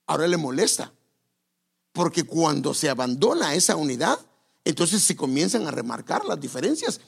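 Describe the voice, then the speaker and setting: Gravelly-voiced man preaching conversationally. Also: fairly high pitch, sing-song, moderate pace. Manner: conversational, self-correcting, addresses listeners directly. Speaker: pastor. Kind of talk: sermon on marriage.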